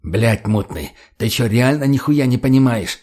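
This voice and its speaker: A man's voice: medium pitch, animated, normal speed, darkish tone, natural voice. A man voicing a menacing, foul-mouthed male mage who snarls and hisses his threats. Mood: angry. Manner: snarling, hissing threats, swearing.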